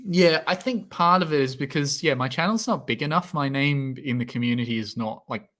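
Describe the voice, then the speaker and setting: A man's voice: mid-range voice, a little fast, fairly bright tone. Rambling young Australian man. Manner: rambling, hesitant, restarts often. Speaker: guest physicist. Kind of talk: casual livestream chat.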